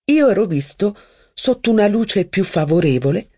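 Narrator for a literary audiobook: animated, varied intonation, dry close studio sound. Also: mid-range voice, breathy edge, no echo. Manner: expressive, measured reading with lively phrasing.

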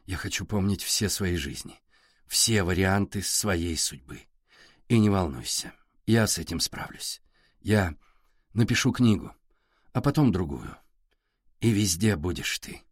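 A man voicing a quiet, emotional young man in an audiobook, speaking low and almost in a whisper. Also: animated, dry recording, clean studio sound. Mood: tender. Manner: quiet, near-whispered, halting. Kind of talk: audiobook character reading.

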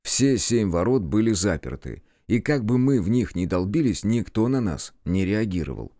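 A man narrating a first-person audiobook in a calm, measured way. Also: fairly low pitch, no room sound, studio quality.

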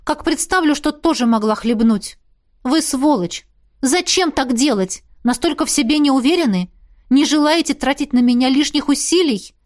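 A woman reading the part of a bold, sharp-tongued young female magic student in a fantasy audiobook. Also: sits high, pitched above the performer's own voice, lightly acted. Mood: cheeky, indignant. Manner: cheeky, quick, teasing.

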